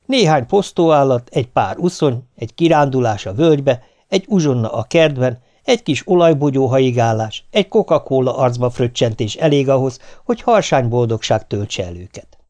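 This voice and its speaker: A man reading a humorous first-person audiobook, telling the story in a wry, animated way. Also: medium pitch. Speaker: audiobook narrator.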